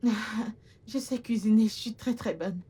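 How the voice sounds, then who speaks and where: A woman's voice: a little high, normal speed, mellow, breathy edge. A woman dubbing a film role: an eager, grateful young village girl hired as a housemaid, deferential to her employer. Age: young adult. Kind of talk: dubbed film acting.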